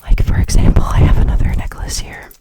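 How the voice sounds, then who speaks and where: An ASMR creator speaks entirely in a fast whisper. The delivery is a casual, chatty ramble that keeps catching on words and repeating them in quick runs. It feels informal and unscripted. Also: mellow.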